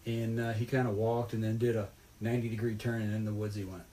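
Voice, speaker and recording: A man's voice: fairly low pitch, fast talker, a little hiss or hum. A man telling a rambling, folksy story about a fishing trip in casual podcast chat. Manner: rambling, folksy, animated retelling.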